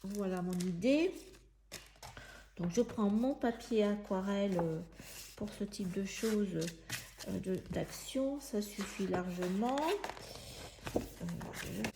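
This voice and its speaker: A woman giving a casual step-by-step craft demonstration, thinking aloud in halting, searching phrases as she works. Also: medium pitch, noisy background. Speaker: craft tutorial presenter.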